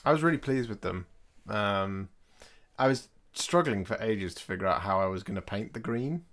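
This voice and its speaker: A man hosting a casual hobby chat, talking through his own work in a relaxed, joking way. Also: on the low side, moderate pace.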